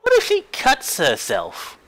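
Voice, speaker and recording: A man voicing a panicking woman fretting over a child, in a broad Australian accent, shrill and alarmed. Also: huge pitch swings, measured pace, pushed and bright, faint music behind, exaggerated voice. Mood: panicked.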